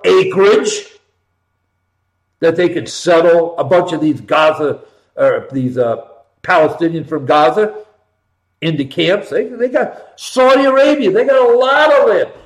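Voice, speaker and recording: Ranting American man, high-pitched, in an echoey room. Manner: emphatic, punchy repetition with swings from loud to hushed. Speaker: talk show host. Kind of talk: impassioned political monologue, ranting. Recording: roomy, echoing sound.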